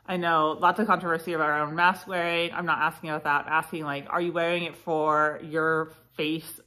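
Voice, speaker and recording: Woman reseller, thirties, slightly low voice, stuffy nose; casual, chatty haul vlog delivery. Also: fairly quick. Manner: chatty, frequent fillers, lively asides. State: congested, sniffly. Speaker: reseller vlogger.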